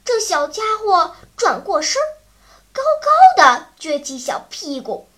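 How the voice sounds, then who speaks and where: A woman narrating a children's story in an animated, playful way. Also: high-pitched, unhurried.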